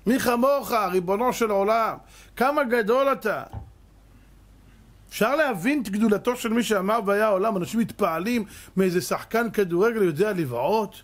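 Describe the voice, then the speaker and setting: A man, a rabbi, preaching a sermon with fervor and firing off rhetorical questions, swinging between hushed and loud delivery. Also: sits high. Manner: addresses the audience as "gentlemen".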